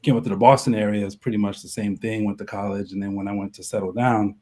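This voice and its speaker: Low, mellow-voiced man from Connecticut. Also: fairly even intonation, fast talker. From Connecticut, USA. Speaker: guest, brewer. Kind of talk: casual interview.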